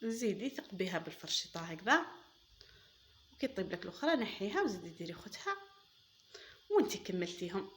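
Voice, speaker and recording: Fast-talking Algerian woman cooking host. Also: medium pitch, very animated, fairly bright tone. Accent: Algerian Arabic. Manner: chatty, addresses viewers as girls, enthusiastic praise. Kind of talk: casual cooking demonstration.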